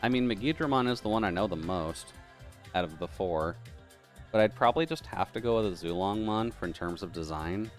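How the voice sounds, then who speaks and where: Male live streamer, low-pitched with metallic robot processing, chatty off-the-cuff gameplay commentary over music. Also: fairly quick. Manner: chatty, mutters while playing, reads chat aloud. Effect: metallic tin-can robot voice filter.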